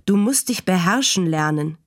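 A woman voicing a farmer father who talks softly, slowly and gently. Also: lowish voice, expressive, no echo, clean studio sound, natural voice. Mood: gentle. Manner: soft, slow and gentle.

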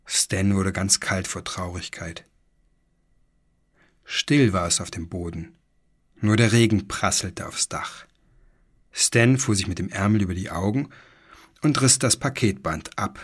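A man reads a children's story aloud at a slow, unhurried pace. His voice sits a little low and has a husky grain to it. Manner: calm, unhurried narration. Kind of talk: storybook reading.

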